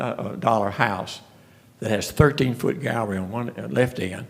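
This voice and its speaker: Man, gravelly, folksy, rambling restarts, meeting presentation. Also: lowish voice. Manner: folksy storytelling, frequent restarts. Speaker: speaker at a city commission meeting. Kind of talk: casual presentation.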